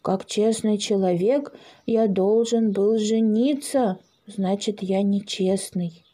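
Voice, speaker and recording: A woman voicing an earnest little male dragon who speaks slowly and solemnly. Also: mid-range voice, fairly even intonation, dark tone. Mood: sad. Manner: slow, solemn, deliberate speech. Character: small earnest green young dragon, male.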